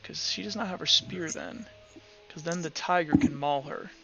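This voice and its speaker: This game master's voice is a little high and a bit bright, with vocal fry and a normal speed. He runs a tabletop roleplaying game in a casual way, thinking out loud and cursing often, over background music on dull, lo-fi audio.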